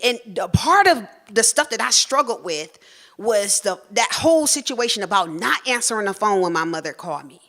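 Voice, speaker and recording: Bright, animated woman storyteller in her forties. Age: 40s. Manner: animated, acts out quoted voices with big pitch jumps. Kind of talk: live personal storytelling.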